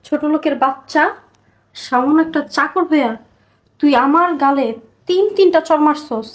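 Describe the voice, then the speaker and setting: Woman as a scornful rich housewife, high-voiced. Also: normal speed, lightly acted. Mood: outraged. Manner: contemptuous, scolding. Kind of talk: social media skit acting.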